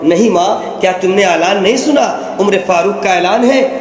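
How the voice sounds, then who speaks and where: A woman's voice: mid-range voice, lightly acted. A man preacher voicing an honest, devout young girl who firmly refuses to cheat, heard in an echoey hall. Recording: echoey hall with long reverb.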